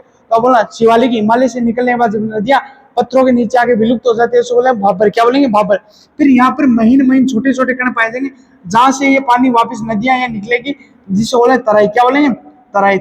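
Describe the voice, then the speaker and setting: Guy with a really high voice teaching exam geography, keeps asking the key word back like a quiz, corrects himself a lot. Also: vocal fry, slightly rough, poor audio. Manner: repeats key terms as quiz questions, self-corrects; casual explaining tone. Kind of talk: exam-prep geography lecture.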